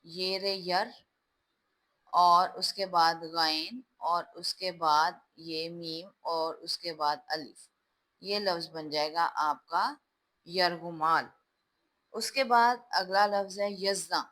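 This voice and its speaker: A woman teaches a lesson in a patient, explanatory way, slowing down to name each letter as she writes. Her voice sits a little low for a woman. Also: steady tone, bright, forceful tone, poor audio. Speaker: Urdu teacher. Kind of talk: classroom lesson, spelling out words letter by letter.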